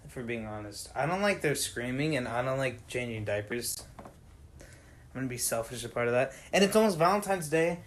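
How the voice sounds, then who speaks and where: A young man delivering a profane, deliberately dark comedic rant to camera, exaggerated and complaining. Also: medium pitch, expressive, a little hiss or hum. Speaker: vlogger.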